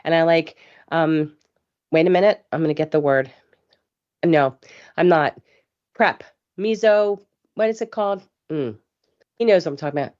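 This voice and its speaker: Woman host, low-pitched, hoarse from a cough, chatty and rambling, dull lo-fi stream audio. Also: moderate pace, long pauses. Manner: chatty, rambling, laughs easily. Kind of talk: casual live show chat.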